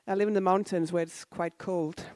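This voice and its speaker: Speaking at a conference with casual, self-deprecating humor and side remarks to listeners, this woman in her forties, originally from Denmark, uses a fairly low, darkish voice. Her tone stays steady, her pace moderate, and the recording carries no room sound.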